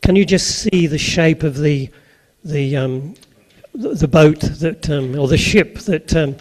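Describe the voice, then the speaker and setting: An older man with a Suffolk English accent preaches to a gathered audience, his voice sitting fairly high for a man. He takes his time and moves at an unhurried, slow pace. He keeps the talk chatty, asks the listeners questions and slips in little jokes. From Suffolk, England. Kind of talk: anecdotal sermon to a live audience.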